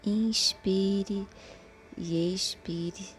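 Slow, soothing woman leading meditation. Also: mid-range voice, fairly even intonation. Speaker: guided meditation leader. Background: soft music.

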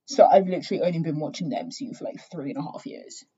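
A woman's voice: low voice, lively intonation, very fast, mellow, slightly rough. A young woman vlogging in a casual, rambling way, full of fillers and cheerful swearing. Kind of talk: casual rambling fan talk. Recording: dull lo-fi recording.

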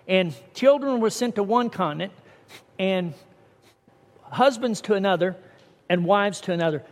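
A middle-aged man preaching a sermon as pastor, earnest and conversational with rising emphasis. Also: high voice. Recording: long hall reverb.

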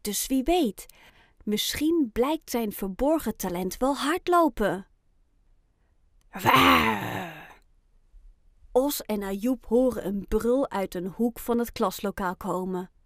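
A woman reading a children's storybook aloud, with gentle, lively storytelling and clear phrasing. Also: on the high side, measured pace, dry recording, clean studio sound. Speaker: audiobook reader.

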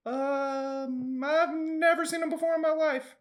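A man's voice: fairly even intonation, a little slow. A man voicing a shifty, nervous young man who hems and stammers as he dodges the truth. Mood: evasive. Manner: hesitant, stammering, high and thin.

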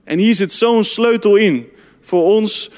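A man's voice: high voice, takes it slowly, darkish tone. A man preaching a fervent sermon to a youth congregation in a church hall, often calling out amen and hallelujah. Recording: long hall reverb.

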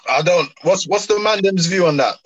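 A man's voice: sits high, normal speed, a bit bright, dry recording, highs cut off. A man with an urban London accent, chatting in roadman slang and often repeating his phrases. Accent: London, urban street. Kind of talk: casual group discussion.

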